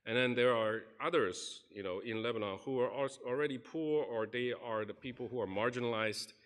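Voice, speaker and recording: Speaking a little fast, this man has a medium-pitched voice with a fairly bright, clean tone. He is a pastor preaching in a church sanctuary, earnestly telling a story and acting out the characters he quotes.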